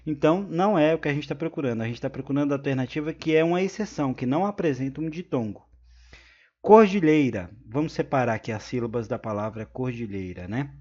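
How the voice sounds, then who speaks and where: A man's voice: mid-range voice, fast talker, a little mellow. Brazilian male tutor, exam-prep lesson, repeats points, keeps asking "right?", muffled lo-fi audio. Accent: Brazilian Portuguese. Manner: repeats points, frequent "né?" checks with viewers. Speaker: teacher. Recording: slightly dull lo-fi sound.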